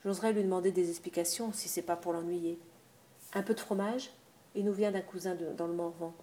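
A woman's voice: lowish voice, fairly even intonation, a little fast, mellow, a little hiss or hum, natural voice. A woman voicing a talkative older countrywoman, an innkeeper's wife with homely familiar speech. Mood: chatty.

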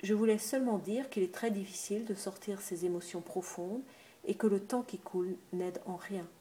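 A woman voicing a reserved, polite man who speaks in a measured, formal way. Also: mid-range voice, mellow, slight background noise, lightly acted.

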